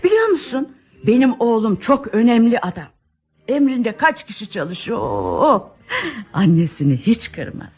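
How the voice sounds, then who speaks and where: A woman's voice: on the high side, very animated, a little slow, slightly rough, exaggerated voice. An actress playing a lonely, doting older woman in an old radio drama, sweet and coaxing. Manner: doting, chatty, calls him "my child". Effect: old radio show recording. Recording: dull old radio recording, faint music.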